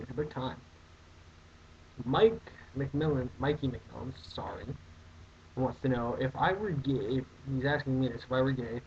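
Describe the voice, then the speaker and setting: A young man hosting a casual comedic vlog, answering viewer questions in a rambling, mock-outraged way. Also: mid-range voice. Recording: dull lo-fi webcam audio, faint hiss.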